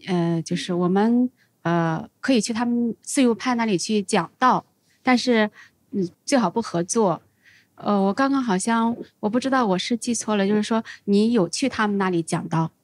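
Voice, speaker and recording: A woman asks a pastor questions, stopping often on fillers as she finds her words. The sound is dry, with no room echo. Her voice sits in the middle pitch range. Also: moderate pace. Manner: hesitant, many fillers. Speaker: audience member asking questions.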